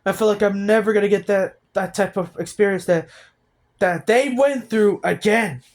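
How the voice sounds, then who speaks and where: A young man of eighteen speaks with a fairly high voice in a personal vlog. He talks in a halting, heavy way and restarts his sentences often. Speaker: vlogger.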